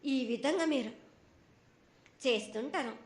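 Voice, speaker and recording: A woman's voice: high voice, a little slow. A woman speaking as an oracle in a prophetic trance, stern and admonishing, in short broken phrases that repeat. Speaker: oracle delivering festival prophecy as the mother goddess. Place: echoey temple festival. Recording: echoey live ritual sound.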